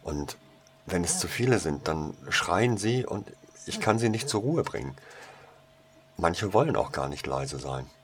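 A man's voice: sits low, sing-song, unhurried, a little hiss or hum. A man voicing a guarded teenage schoolboy who speaks hesitantly with dry irony. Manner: hesitant, ironic. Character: shy, guarded teenage schoolboy, dryly ironic.

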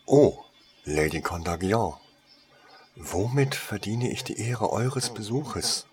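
A man voicing a female wand shop saleswoman who talks with eager, servile flattery in a storybook reading. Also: fairly low pitch, measured pace.

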